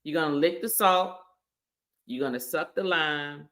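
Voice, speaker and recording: Chatty woman doing a tequila tasting vlog, rambles a lot, bright kinda low voice. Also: measured pace. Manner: chatty, colloquial, rambling storyteller. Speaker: host reviewing spirits. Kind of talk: casual tasting review vlog.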